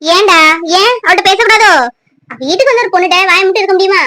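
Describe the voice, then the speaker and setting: A woman's voice: sharp tone, no room sound, studio quality. A woman voicing a nagging middle-aged widowed mother who scolds her grown children in a cartoon. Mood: indignant. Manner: shrill, scolding, rapid-fire. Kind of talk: cartoon voice acting.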